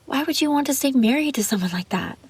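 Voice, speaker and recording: A woman plays an obsessive, scheming young babysitter in an intimate audio roleplay, confessing and pleading defensively, first hesitant and then insistent. Her voice is high with lively intonation and a quick pace, recorded on a close, dry mic with no room sound.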